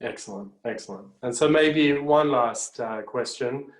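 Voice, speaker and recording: A man's voice: mid-range voice, measured pace. Affirming male host in a roomy echo. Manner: affirming, lofty questions with hesitant fillers. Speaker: interview host. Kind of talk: interview hosting.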